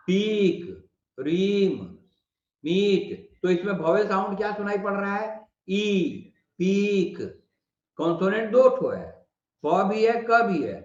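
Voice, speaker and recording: A man with a Bihari Hindi accent teaching a shorthand lesson, patiently repeating vowel sounds and explaining slowly. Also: high-pitched. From India. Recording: muffled, echoey room.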